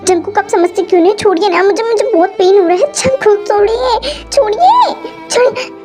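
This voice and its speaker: A woman's voice: very high-pitched, fast talker, music in the background. A woman voicing a frightened, devoted young wife who pleads and reassures, in a fan-fiction story. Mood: frightened, pleading. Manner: pleading, soft and breathless. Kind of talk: Hindi fan-fiction voice acting.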